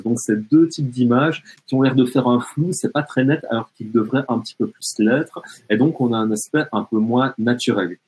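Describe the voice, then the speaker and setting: Give me a slightly raspy man, explaining step by step in a hesitant way. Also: lowish voice, darkish tone, low-quality recording. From French-speaking Canada. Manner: hesitant, many fillers and restarts. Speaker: education webinar presenter. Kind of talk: explaining on a live webinar.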